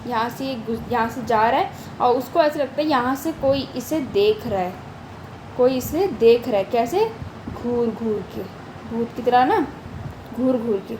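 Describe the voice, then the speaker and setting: A woman's voice: a little high, animated, normal speed, noisy background. A young woman teacher, explaining a poem line by line, reading each line aloud and repeating the meanings.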